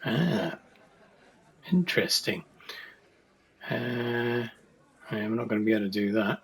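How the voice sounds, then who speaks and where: A man's voice: fairly low pitch, animated, a little slow, vocal fry. A middle-aged man casually reading game text aloud and commenting during a playthrough. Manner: chatty, amused, reads lines with chuckles. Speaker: gaming video host. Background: game music.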